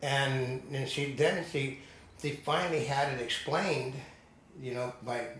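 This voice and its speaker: A man's voice: mid-range voice, unhurried, fairly bright tone. An older man co-hosting a casual discussion, telling digressive stories and stating firm opinions. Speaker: co-host. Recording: echoey room with faint noise.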